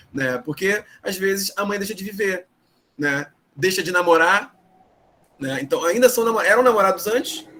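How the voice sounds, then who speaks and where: Brief: middle-aged Carioca school director, slightly high voice, talkative webinar teacher, mimics fussing parents. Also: male voice, a bit bright. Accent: Rio de Janeiro Portuguese. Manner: chatty, asks "né?" often, acts out anxious parents in a high voice. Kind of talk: lively webinar talk to parents.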